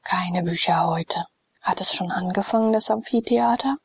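A weary Roman nobleman mutters in a hushed, breathy half-whisper, voiced by a woman reading a storybook. The voice is husky with a gravelly fry. The recording is close and dry. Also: lowish voice, normal speed, no room sound, exaggerated voice. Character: weary, sleepy nobleman turned frantic.

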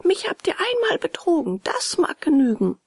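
A woman's voice: very high-pitched, huge pitch swings, normal speed, no echo, studio quality, voice pushed up, heavily acted. A woman voicing an earnest, remorseful wooden puppet boy in a storybook, talking eagerly and pleading.

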